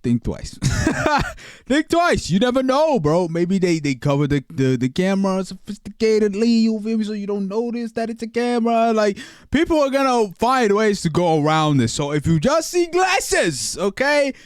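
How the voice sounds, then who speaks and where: A man's voice: high voice, big pitch swings, normal speed, no echo, studio quality. A man giving casual reaction commentary on a video, slangy and repetitive, often saying "bro" and "you feel me.".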